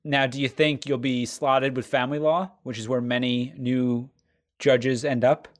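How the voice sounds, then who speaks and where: A man in his thirties hosts a podcast interview, chatty and teasing, tossing in quick joking asides between questions. His voice sits at an everyday middle pitch. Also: level tone. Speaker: podcast host.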